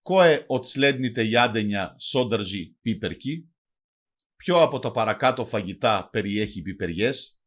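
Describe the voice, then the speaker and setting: A man narrating a language lesson from a script. He reads each word and then its translation in a measured teaching cadence. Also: lowish voice, lively intonation, highs cut off.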